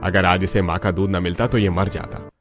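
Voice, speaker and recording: A stern doctor delivers his verdict gravely and matter-of-factly, as a man voices him for a cartoon. His very low voice sits over clearly audible background music. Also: steady tone, moderate pace, close to an everyday voice. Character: stern male doctor, relieved.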